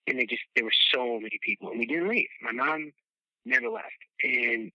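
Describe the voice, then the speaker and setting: A man's voice: mid-range voice, normal speed, vocal fry, no room sound. Chicago guy on a podcast rambling through a story, swears a lot, dry muffled lo-fi sound. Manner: rambling, animated, swears casually, laughs at own stories. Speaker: podcast guest, former child actor. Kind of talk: casual storytelling chat.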